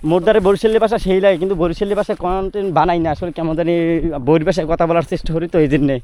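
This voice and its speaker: Fast-talking young man with Barishal accent. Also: high voice, steady tone, mellow. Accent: Barishal Bengali. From Bangladesh. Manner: chatty, exclaims at the views. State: out of breath from climbing. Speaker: travel vlogger. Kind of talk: casual walking vlog. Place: hilly border area outdoors.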